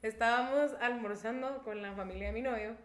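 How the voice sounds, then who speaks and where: A woman's voice: a little high, brisk. A young woman, a co-host who tells stories in casual chat and laughs along as she goes. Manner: lively storyteller, laughs while telling. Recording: echoey room.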